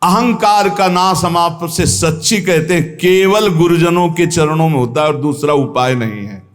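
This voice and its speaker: A man gives a devotional sermon in a North Indian Hindi accent. His earnest, emphatic voice sits somewhat high, and he repeats key phrases for weight. A long hall reverb follows every line. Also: unhurried. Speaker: spiritual teacher giving satsang. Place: ashram hall.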